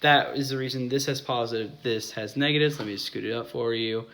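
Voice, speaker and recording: A man's voice: mid-range voice, steady tone, brisk, fairly bright tone, a little hiss or hum. A young man explaining chemistry in a casual whiteboard lesson, often stopping to correct himself and apologize.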